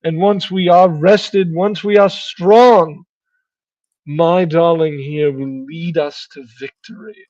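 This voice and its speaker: Man playing a slow, solemn holy priestess. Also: on the high side, steady tone, a little mellow, no room sound, dull audio. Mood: fervent, solemn.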